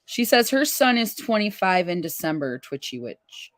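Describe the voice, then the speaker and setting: Chatty woman in her fifties, low voice. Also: very animated, normal speed. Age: 50s. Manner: chatty, reads viewer comments aloud with laughs. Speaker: livestream host. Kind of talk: casual livestream chat.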